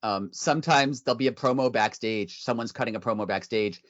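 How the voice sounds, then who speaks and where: Male co-host, casual chat, animated, dry close audio. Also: mid-range voice, a little fast, no room sound. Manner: animated, laughs often, ranting. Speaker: podcast co-host. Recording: dry, dull lo-fi sound.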